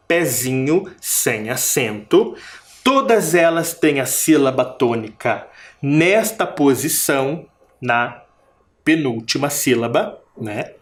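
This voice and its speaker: A Brazilian man teaching children in a recorded video lesson, with a lively voice that rises and falls freely. He draws out each syllable and stresses it, then turns to his pupils with a question. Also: on the high side. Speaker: primary school teacher.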